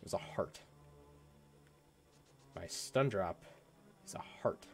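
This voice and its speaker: A man's voice: low voice, animated, slow pace, soft background music. Sick, groaning male streamer. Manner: groaning, self-mocking complaints. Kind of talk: casual game-stream chat.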